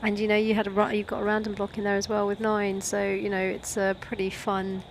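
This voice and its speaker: Woman doing live sport commentary, chatty, thinks out loud, bit of noise behind. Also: mid-range voice, completely flat delivery, brisk. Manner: chatty, joking, thinks aloud. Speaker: event commentator.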